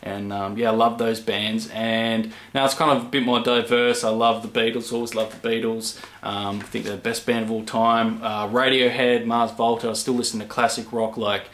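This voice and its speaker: A man in his twenties with an Australian accent, chatting casually to camera as a channel host, rambling with many pauses. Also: fairly low pitch, level tone, a bit bright. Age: 20s. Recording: echoey room.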